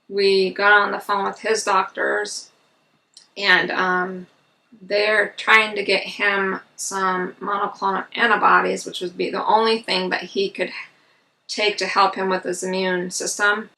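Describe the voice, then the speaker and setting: A middle-aged woman recounts events candidly in a bright voice that often drops into gravelly fry. Her delivery is casual and earnest. She sounds a little way from the microphone, with music underneath. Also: medium pitch. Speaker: vlogger recounting RV life. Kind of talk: casual storytelling to camera. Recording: slightly distant mic, music underneath.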